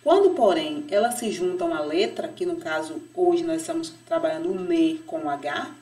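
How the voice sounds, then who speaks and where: A woman teaching young children to read in a remote lesson, stretching out each example word slowly. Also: fairly low pitch, sing-song, gravelly, mellow. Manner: slow, drawn-out syllables on example words. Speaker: primary school teacher. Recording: voice a bit distant from the mic.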